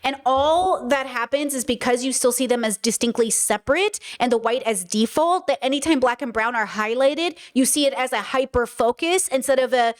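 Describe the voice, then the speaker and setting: Hosting a commentary video, a woman with a Californian accent delivers an opinionated monologue to her viewers in a high voice. She talks emphatically at a moderate pace with few pauses, often repeating words as she thinks.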